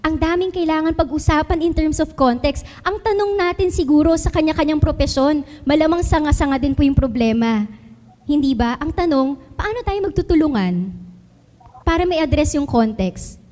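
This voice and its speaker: High-voiced Filipino woman teacher on stage. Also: animated, moderate pace, a little mellow. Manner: mixes Tagalog and English, asks the audience questions. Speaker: public school teacher giving a talk. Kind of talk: talk to a live audience with slides. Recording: long hall reverb.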